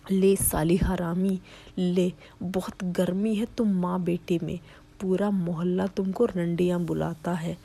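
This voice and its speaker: Lady doing a crude young guy, taunting, low slow husky voice. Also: little pitch movement, dark tone, exaggerated voice. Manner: coarse and taunting. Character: crude young man, the lover.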